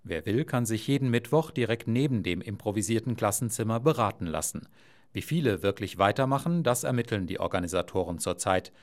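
Male reporter for voice-over, lowish register, even measured read. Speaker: news reporter. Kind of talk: scripted news narration.

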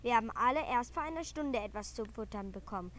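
A woman's voice: fairly high pitch, animated, fast talker, a bit bright, a little hiss or hum. A woman doing a stern, reproachful reindeer. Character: stern, watchful male reindeer.

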